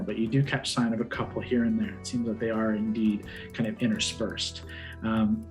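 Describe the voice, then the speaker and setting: A man's voice: mid-range voice, darkish tone. Man narrating a fantasy game over music. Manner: halting, descriptive delivery. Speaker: game master. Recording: music behind the voice. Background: background music with guitar.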